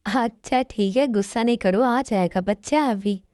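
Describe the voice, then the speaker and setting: A woman voicing a calm, caring middle-aged mother in an amateur dub, talking in a soothing, reasoning way. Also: on the high side, normal speed, no room sound, studio quality, close to an everyday voice.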